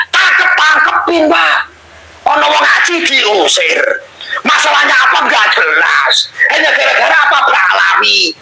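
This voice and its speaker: Brief: man from Java, high bright voice, emotional pleading appeal with outbursts, faint noise behind. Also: gravelly, rough recording. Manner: emotional, pleading, shouting at times. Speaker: religious activist. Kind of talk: impassioned public appeal.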